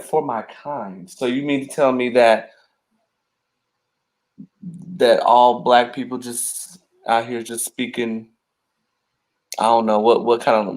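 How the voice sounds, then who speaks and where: Animated male podcast co-host. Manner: animated, acts out quotes with big pitch jumps. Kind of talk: casual storytelling chat.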